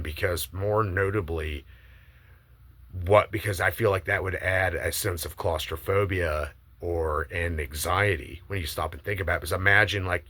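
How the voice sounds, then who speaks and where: A man with a very low, forceful voice eagerly pitches a movie idea. He talks in a casual, emphatic monologue like a video host sharing strong opinions, swearing freely. The sound is close and dry. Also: no echo.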